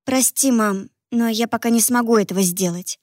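A woman's voice: a little high, moderate pace, a little mellow, no echo, studio quality, lightly acted. A woman reading an audiobook, voicing a determined young woman who pleads earnestly with her mother. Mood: pleading. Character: determined young woman, guilty but resolute daughter.

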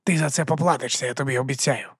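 A man's voice: mid-range voice, fast, no room sound, clean studio sound. A man reading an audiobook, voicing a sardonic grown male wolf who grumbles and teases protectively. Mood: grumbling. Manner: gruff, teasing, protective.

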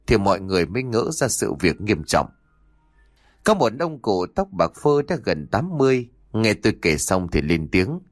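A man narrating a horror audiobook in a slow, dramatic storytelling manner. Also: fairly low pitch, dry recording, clean studio sound.

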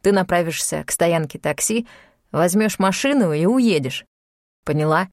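A woman doing a gruff, bossy young man. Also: on the low side, lively intonation, moderate pace, a little mellow, dry recording, studio quality. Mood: serious. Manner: curt, commanding, grumbling. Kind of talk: audiobook character voice.

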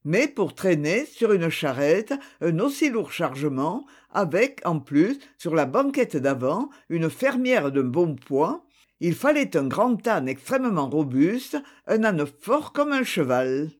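Slow, expressive storybook narrator. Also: medium pitch. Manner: measured, expressive. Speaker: audiobook narrator. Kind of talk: storybook reading.

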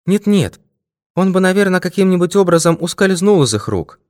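A man's voice: sits high, big pitch swings, moderate pace, no room sound, studio quality, voice pushed up. A male audiobook reader voicing an anxious, earnest young woman in a raised voice. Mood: alarmed. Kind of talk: audiobook character voice.

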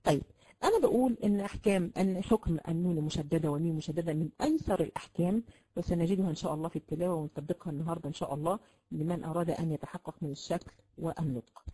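Fast-talking Egyptian woman teaching. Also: fairly low pitch, warm tone, poor audio. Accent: Egyptian Arabic. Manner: explains patiently, repeats sounds to demonstrate, many drawn-out fillers. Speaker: Quran recitation teacher. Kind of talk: classroom lesson.

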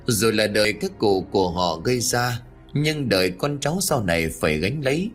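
A man voicing a calm older male monk master who speaks in a measured, instructive way, in an audiobook ghost story. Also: on the low side, faint music behind. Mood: steady.

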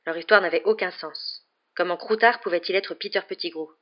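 Low-voiced woman reading a bedtime story. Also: a little fast, highs cut off. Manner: chatty recap, then steady narration. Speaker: radio reader.

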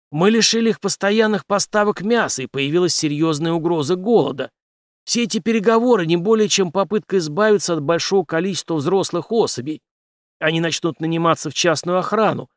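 A stubborn, brash officer pushes his point in forceful, clipped phrases, played by a male audiobook reader. The voice sits fairly high, recorded dry and close. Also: no room sound, lightly acted.

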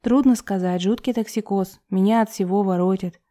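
A woman's voice: medium pitch, fairly even intonation, moderate pace, warm tone, lightly acted. A woman reading the lines of a weary pregnant young student in her own voice.

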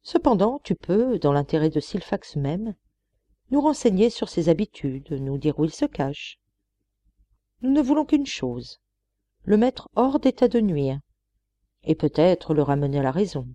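A woman's voice: on the low side, sing-song, a little slow, dark tone, dry recording. A woman reading the part of an authoritative older man in an audiobook, firm and reassuring.

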